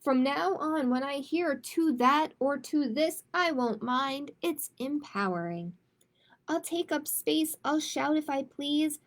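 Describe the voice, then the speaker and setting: This is a woman running storytime for children, reading aloud from a picture book and making casual conversation. Her high-pitched voice moves slowly, and her delivery is emphatic and full of expression.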